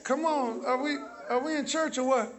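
A man preaching an energetic sermon in a church, calling out to the congregation, joking and shouting for responses. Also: very high-pitched, normal speed. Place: church sanctuary.

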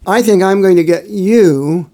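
A man's voice: sits high, unhurried, dark tone. A man co-hosting a podcast, giving long, rambling, detailed explanations in casual chat with many fillers. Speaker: podcast co-host.

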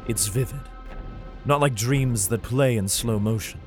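In a sci-fi audio drama, a man voices the narrator and lead: a grim father guarding his children as they flee an alien invasion. He tells the story in a haunted, somber, guarded first-person way, his medium-pitched voice unhurried and lightly acted, with dramatic music underneath.

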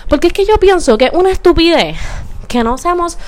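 A woman's voice: very high-pitched, lively intonation, brisk. A young woman with a Puerto Rican accent, ranting profanely in a casual monologue and slipping into English words. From Puerto Rico.

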